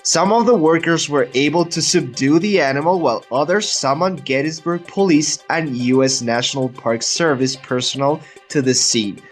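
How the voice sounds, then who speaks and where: Joking man from Mexico. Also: mid-range voice. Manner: joking, playful. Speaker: podcast co-host. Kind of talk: casual podcast chat.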